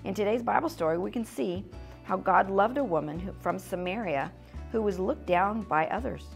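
A woman's voice: medium pitch, normal speed, vocal fry, soft background music. A middle-aged American woman teaching a children's church lesson in a classroom, chatty and informal, with easy laughs. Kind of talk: casual teaching demonstration. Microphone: fixed camera, mid distance.

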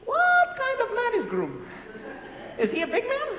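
A man's voice: very high-pitched, wildly swooping pitch, measured pace, heavily acted. A young man playing a vain, flamboyant Latin lover on stage, bombastic and cowardly, speaking of himself in the third person. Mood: blustering. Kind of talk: broad stage comedy acting. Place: large theatre stage, filmed from the audience. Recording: echoey theatre, noisy, from the audience.

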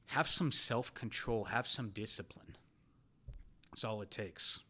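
Blunt, profane man with a bright voice. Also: a little slow, breathy edge. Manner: blunt, profane, animated with swings between loud bursts and low mutters. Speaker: poker player vlogger. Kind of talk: casual storytelling monologue.

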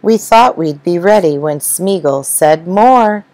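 A woman reading a rhyming children's story aloud in a gentle, rhythmic storytelling manner. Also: on the low side, lively intonation, slow pace, dry recording, poor audio.

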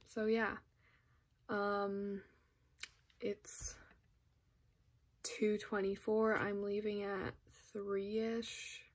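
A woman's voice: medium pitch, completely flat delivery, very slow, pauses often, no echo. A teenage girl vlogging into a phone at arm's length at a horse barn, chatting casually with lots of ums and restarts. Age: teens. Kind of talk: casual vlog chat. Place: horse barn and outdoor pasture. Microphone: phone held at arm's length. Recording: loud background noise from a barn.

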